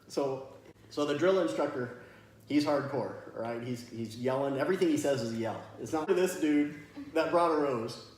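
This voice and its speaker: A man's voice: mid-range voice, normal speed, a little mellow. Man talking in a very echoey room. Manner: chatty and good-humored, laughs as he tells stories. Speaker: military veteran interviewee. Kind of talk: casual storytelling in an interview. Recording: very echoey room with faint noise.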